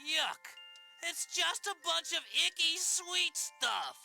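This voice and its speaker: An actor voicing a gruff, grating grouch posing as a bird grandmother in a children's storybook, sneering and argumentative. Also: very high voice, expressive, slow, bright, forceful tone, faint music behind, heavily acted. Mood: disgusted, bossy.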